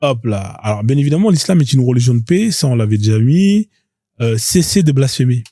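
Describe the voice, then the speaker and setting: A man with a very dark, mellow and husky voice hosts a live stream monologue. He talks in a mocking, confrontational way and hammers the same points again and again. The sound is close and dry, with no room echo. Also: medium pitch, animated, a little fast.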